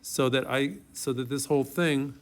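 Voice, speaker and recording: A man's voice: medium pitch, fairly even intonation, moderate pace. A man teaching a math class as a professor, thinking aloud as he writes and checking in with his students in an informal way. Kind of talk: classroom lecture, working through problems aloud.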